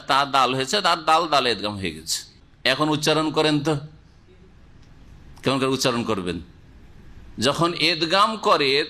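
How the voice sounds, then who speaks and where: A man's voice: fairly high pitch, sharp tone. A man, a scholar teaching Quranic grammar, who keeps asking questions and answering them himself.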